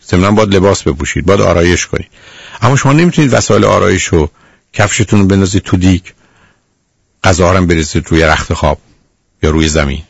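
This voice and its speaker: A man's voice: deep voice, breathy edge, dry recording. A man hosting a radio call-in advice show, lecturing a caller sternly and calling them dear again and again. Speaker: radio counselor.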